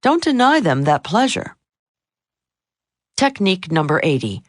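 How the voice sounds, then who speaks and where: A woman narrating a self-help audiobook in a steady, measured reading voice. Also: low voice, no echo, studio quality. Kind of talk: scripted narration.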